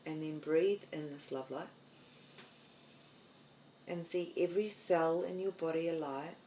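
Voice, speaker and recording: A soft-spoken Australian woman leads a guided meditation, her slow, soothing voice sitting a little low. The room sounds roomy and open, with a faint ambience underneath. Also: slight background noise. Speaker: meditation podcast host.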